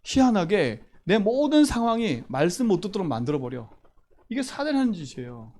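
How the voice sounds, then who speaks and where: A man's voice: sits high, sing-song, a little fast, a little mellow. A man preaching a sermon as pastor in a church, emphatic, repeating key phrases and asking the congregation questions.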